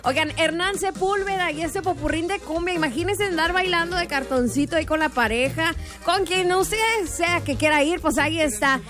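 High-voiced radio hostess. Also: female voice, normal speed, few pauses, over music. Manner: chatty, laughing, upbeat announcer. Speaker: radio host. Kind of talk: call-in radio chat and event promo.

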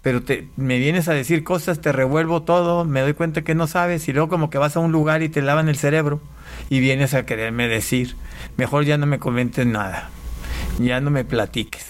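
Halting Panamanian-born pastor in studio. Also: male voice, fairly high pitch, fairly even intonation. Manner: halting, restarts phrases, storytelling. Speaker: pastor, radio guest. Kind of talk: conversational testimony. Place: radio studio. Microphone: studio microphone.

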